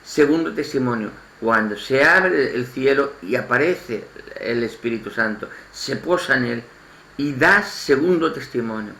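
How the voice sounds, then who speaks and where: A man from Spain with a Spanish accent giving an informal spoken sermon, halting and restarting his phrases and repeating words as he goes. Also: mid-range voice, lively intonation, sharp tone. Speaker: lay preacher. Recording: echoey room, faint ambience.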